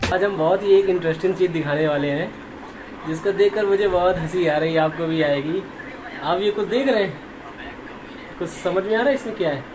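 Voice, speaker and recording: A man's voice: high voice, brisk, over music, rough recording. A young man chatting casually in a vlog, recorded on a phone camera, laughing at himself now and then. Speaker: vlogger.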